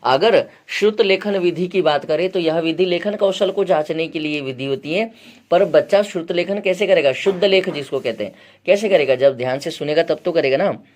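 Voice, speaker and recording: Higher-pitched man teaching an exam-prep lecture. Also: normal speed. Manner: explains step by step, quizzes students with repeated questions; clears throat often.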